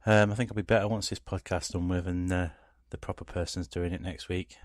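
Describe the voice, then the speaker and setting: A man with a very low voice co-hosts a casual gaming podcast. He is laid-back and dryly grumbling. The sound is dry and close. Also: flat delivery, a little fast, dry recording. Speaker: podcast co-host.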